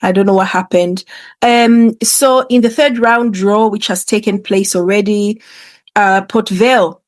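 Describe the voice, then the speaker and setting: A woman's voice: medium pitch, steady tone, unhurried, dry recording. A woman hosting a football show, commenting casually in an informal, conversational way with hesitant asides. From England. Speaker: football podcast host.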